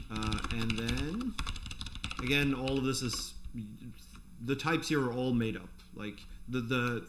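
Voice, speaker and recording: Background noise sits under this man's medium-pitched voice. He's a programming instructor running a casual live coding session, reasoning out loud and explaining things as they come to him.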